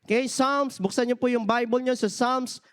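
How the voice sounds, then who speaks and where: A man's voice: very high voice, steady tone, normal speed, fairly bright tone, clear, resonant tone. A man from the Philippines preaching a sermon as pastor, mixing English phrases into his talk and often asking the congregation to answer back. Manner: peppers every point with questions to the congregation.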